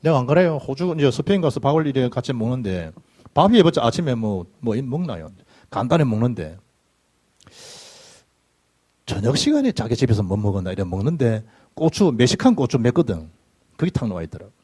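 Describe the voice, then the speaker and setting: A middle-aged man preaching a sermon, telling stories in an animated way with sudden loud bursts. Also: mid-range voice, brisk, husky. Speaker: pastor. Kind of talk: sermon with personal anecdotes. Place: church sanctuary.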